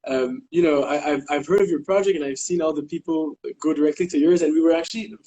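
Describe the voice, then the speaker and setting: A man's voice: fairly high pitch, fairly even intonation, fast talker, warm tone, rough recording. A young man from Quebec co-hosting a casual chat, hesitant with many fillers and restarts. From Quebec, Canada. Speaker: co-host.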